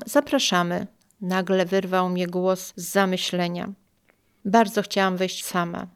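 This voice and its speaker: An older woman reads her personal memoir aloud at an unhurried, deliberate pace. Her voice is smooth and clear, and her delivery is calm, measured and quietly emotional. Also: lowish voice. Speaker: memoir narrator.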